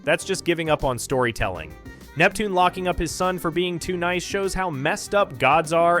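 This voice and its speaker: Male narrator, scripted and sardonic, fairly high with a very animated delivery. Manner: sarcastic, incredulous commentary. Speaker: cartoon commentary narrator.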